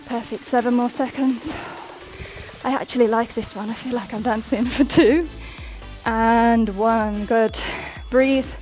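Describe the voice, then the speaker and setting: A woman's voice: on the high side, steady tone, a little slow, darkish tone, soft background music. Upbeat woman coaching a workout. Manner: upbeat coaching, counts down reps. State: out of breath at times. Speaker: fitness instructor. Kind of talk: workout instruction over music.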